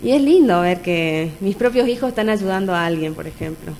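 A woman's voice: medium pitch, animated, brisk, a little mellow, slight background noise. A woman with an Argentine accent, a mother sharing her personal experience in an open, earnest conversational way. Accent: Argentine Spanish.

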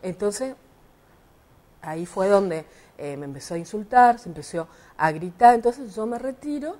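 A woman's voice: mid-range voice, expressive, normal speed, warm tone. A middle-aged Argentine woman and lawyer, telling an interviewer with indignant emphasis about an incident, acting out the quoted dialogue. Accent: Argentine Spanish (rioplatense voseo). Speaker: interviewee, party representative and lawyer.

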